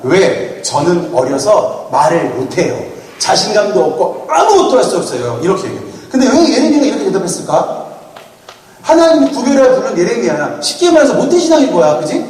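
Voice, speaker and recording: Man in his 30s, retreat speaker, animated and teasing, fairly high voice, heard from afar in a reverberant hall. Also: fast. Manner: playful, asks the audience questions. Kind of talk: lively youth sermon with jokes. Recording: echoey hall, mic from far off, faint noise.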